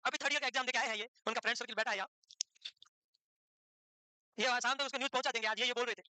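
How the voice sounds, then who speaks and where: A man's voice: very high-pitched, steady tone, rapid-fire, bright, forceful tone, clean tone, no room sound. A man lecturing a nursing class live, teasing students and firing questions at them.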